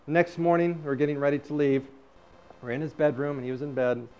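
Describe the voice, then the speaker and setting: Lively middle-aged man telling a story. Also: a little high, fast. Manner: lively storyteller who acts out quoted dialogue. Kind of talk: personal storytelling talk. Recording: slightly dull recording with faint background noise.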